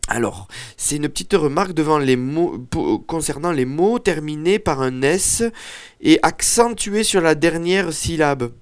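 A man teaching an Occitan lesson, explaining words slowly with hesitant fillers. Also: a little high, expressive, clean tone, dry recording, clean studio sound. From southern France. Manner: slow, hesitant, many fillers.

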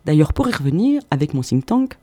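Man, satirical radio chronicle, mock-serious, slightly high voice, mellow tone. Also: big pitch swings, brisk, no room sound, studio quality. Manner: mock-serious, ironic, rambling asides. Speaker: radio columnist.

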